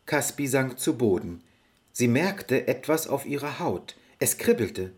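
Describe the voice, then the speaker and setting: A man narrating a fairy-tale audio story in an expressive storybook manner. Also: medium pitch, measured pace.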